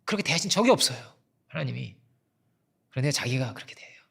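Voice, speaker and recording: A man preaching a sermon as pastor, telling a story in a conversational way and dropping his voice softly when he quotes people. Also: medium pitch, expressive, fast, gravelly, slightly rough. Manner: conversational storytelling, quoting people and God in soft asides.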